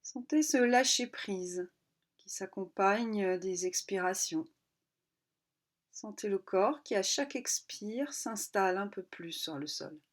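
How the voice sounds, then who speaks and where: Calm and unhurried, a woman of medium pitch takes listeners through yoga nidra. She offers short instructional phrases, leaving pauses after each.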